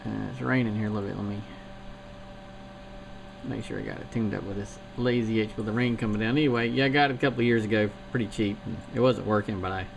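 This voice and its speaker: A man from the Charleston area on the South Carolina coast talks fast on a CB radio, his fairly low, steady voice carrying some vocal fry. He describes his gear in a plain, technical way while loud static fills the radio link.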